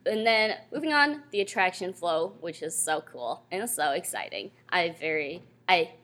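A young woman with an expressive, slightly bright, lowish voice speaks at a moderate pace into a handheld mic. She's co-hosting a podcast live on a convention panel, chatting casually and rambling with lots of fillers and laughs.

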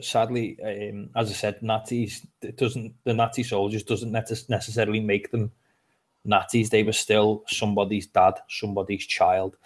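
A man from England with a Liverpool accent co-hosts a casual podcast, telling stories in a chatty way and swearing now and then. His voice is fairly low in pitch and slightly rough.

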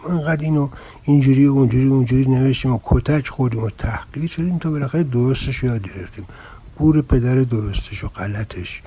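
A man's voice: medium pitch, husky. An older man, a filmmaker, talking through his own essay in a wry, rambling, anecdotal way. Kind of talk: relaxed spoken essay. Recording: home recording with steady background noise.

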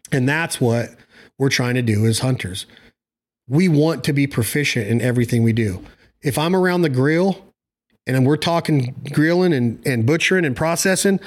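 A man talking casually and at length about his views in an emphatic, blunt, rambling way, using mild slang. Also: mid-range voice. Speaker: hunting show host. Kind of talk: casual opinionated chat.

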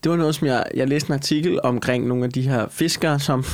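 A man chatting casually and argumentatively, emphatic and animated, swearing and piling up repeated phrases to make his point. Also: medium pitch. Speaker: comedian and talk show co-host.

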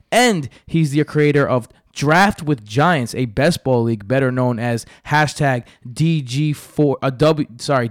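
A man's voice: medium pitch, dry recording, clean studio sound. A man with a New York accent, energetically hosting a sports podcast. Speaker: podcast host.

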